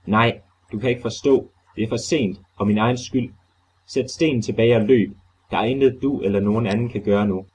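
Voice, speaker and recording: A man's voice: on the low side, a little mellow, husky. A man voicing a terrified man trapped in a crypt who frantically pleads with his friend to flee, talking with breathless urgency. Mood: frantic.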